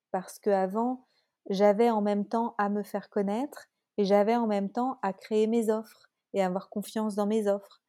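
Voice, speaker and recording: A woman's voice: medium pitch, warm tone, no echo, studio quality. A woman with a French accent hosting her own podcast, talking casually and reflectively, with many hesitations and restarts. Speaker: podcast host and coach. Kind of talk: casual solo podcast talk.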